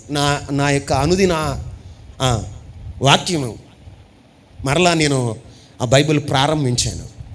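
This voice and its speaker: A man's voice: fairly high pitch, a little hiss or hum. A man preaching a sermon, calling on the congregation to answer and repeating his lines. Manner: reads and quotes scripture, rising and falling in volume. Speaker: pastor.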